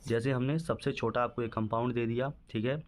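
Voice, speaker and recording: Man, chemistry teacher, lesson, self-answered questions, repeated check-ins, average pitch. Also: steady tone, a little fast, a little hiss or hum. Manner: asks questions and answers them himself, repeats "ठीक है" often. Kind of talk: classroom-style lesson explanation.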